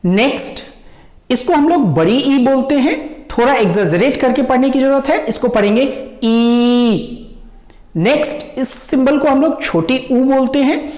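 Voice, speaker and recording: Woman teaching pronunciation, slow and drawn out, kinda high voice, echoey room. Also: expressive, darkish tone. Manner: drawn-out demonstrations of sounds. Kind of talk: slow explanatory lesson.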